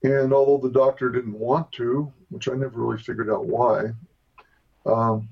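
Gravelly husky older guy from socal telling his story, kinda dull lo-fi sound. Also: mid-range voice, level tone, normal speed. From Southern California. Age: 60s. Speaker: interview guest. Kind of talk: storytelling in a conversation.

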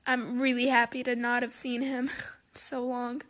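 A woman venting in a personal monologue, speaking softly and haltingly with many fillers and restarts. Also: a little high, little pitch movement. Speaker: vlogger.

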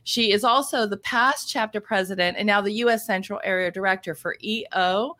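A woman's voice: mid-range voice, brisk, bright, forceful tone. A woman from Ohio hosting a podcast interview, upbeat and conversational, laughing often with her guest. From Ohio, USA. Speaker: podcast host.

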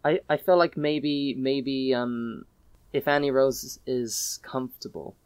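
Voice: mid-range voice, fairly even intonation, takes it slowly, darkish tone, clean tone. A player in a casual tabletop role-play, speaking hesitantly with stammering restarts.

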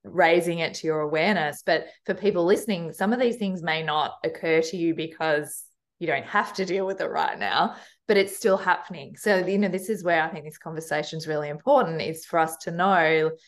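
A woman's voice: fairly low pitch, fairly quick. A woman hosting a podcast interview, reflectively summarizing what her guest has said. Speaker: podcast host.

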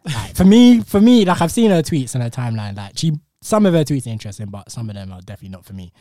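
A man's voice: mid-range voice, very animated, quick pace, mellow, no room sound, studio quality. A man with a London accent and urban roadman slang, hosting a casual podcast chat. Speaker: podcast host.

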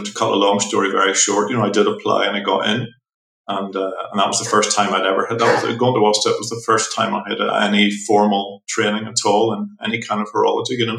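A middle-aged watchmaker from Belfast, Northern Ireland, tells his story as an interview guest in a Northern Irish accent. His voice is on the low side, and he rambles, restarts sentences and trails off softly. The recording has an echoey room sound.

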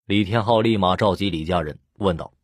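A man narrating a serialized novel as an audiobook, with steady storytelling delivery. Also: deep voice, brisk, slightly rough, no echo, clean studio sound. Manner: steady storytelling, voicing the lead plainly.

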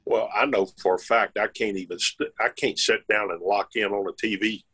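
A man's voice: on the low side, fairly even intonation, moderate pace, fairly bright tone, slightly rough. An older man, a former tour golfer co-hosting a podcast, talking bluntly and instructively. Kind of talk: casual chat.

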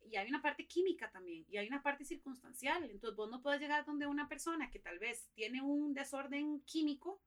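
A woman's voice: high-pitched, a little fast, hardly any pauses. A young woman with a Costa Rican accent, a podcast guest in casual chat, talking animatedly and acting out the things people say. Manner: animated, acts out quoted remarks.

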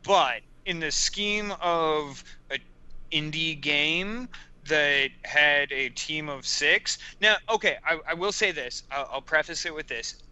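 Male podcast co-host, very bright and clear voice, brash and profane. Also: a little high. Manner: loud, profane, animated storytelling. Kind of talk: casual podcast chat.

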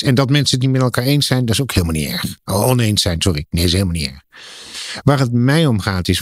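Expert guest, male, lower register, confident lecturer who stacks examples, dry recording. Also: no room sound. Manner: emphatic, lecturing, builds points in lists. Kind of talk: explanatory podcast interview.

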